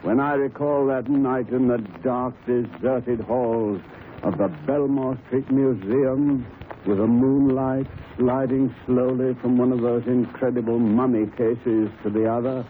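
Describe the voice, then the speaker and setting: A man's voice: mid-range voice, fairly even intonation, unhurried, natural voice. A tinny 1930s radio drama recording with faint noise. A man plays a genial old English doctor, an avuncular storyteller who chats and savors his reminiscences. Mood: ominous reminiscence. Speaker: storyteller narrator.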